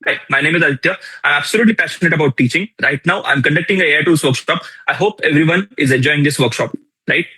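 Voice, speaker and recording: A young instructor with an Indian accent energetically demonstrates a tool in a live online workshop, restating key lines and constantly asking the audience questions. His slightly high, husky voice sounds fast, pushed and bright, captured with poor audio.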